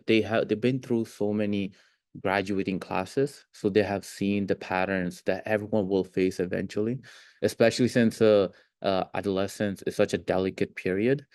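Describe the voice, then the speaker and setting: A man's voice: sits low, darkish tone, no echo, studio quality. A young man from Italy, a former student, answering interview questions hesitantly with many fillers. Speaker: alumnus interviewee.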